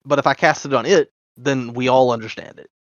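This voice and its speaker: A man's voice: mid-range voice, steady tone, a little fast, dry recording. Man eagerly explaining game rules. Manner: eager, rule-explaining talk. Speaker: player. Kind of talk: tabletop game chat. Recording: dull lo-fi dry mic.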